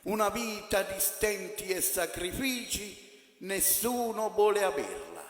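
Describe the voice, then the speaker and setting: A man's voice: high voice, big pitch swings, slow, faint music behind. A man reciting sayings in formal Italian, line by line. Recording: echoey hall, noisy.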